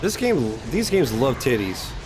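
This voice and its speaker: In a low-quality recording, a man with a mid-range voice reacts to a game as a streamer, very animated yet unhurried. His casual live-stream talk is blunt, full of slang and swearing, set against game music.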